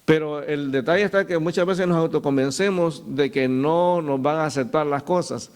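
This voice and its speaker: A man's voice: fairly high pitch, normal speed, a little mellow, clean tone. A middle-aged man preaching a sermon as pastor, telling stories and calling his listeners "brother". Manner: storytelling, addresses listeners as "hermano".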